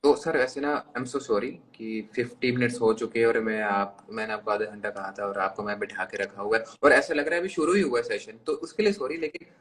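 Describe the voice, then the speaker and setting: A man's voice: medium pitch, fairly quick, hardly any pauses, a little hiss or hum. A man hosting a podcast interview, asking questions politely and deferentially, addressing his guest as sir. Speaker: podcast host.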